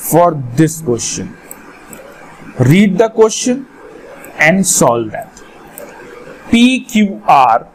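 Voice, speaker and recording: A man's voice: on the high side, a little mellow, rough recording. A man with a North Indian accent teaching a live online lesson, questioning and instructing students and often repeating his phrases. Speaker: accountancy teacher.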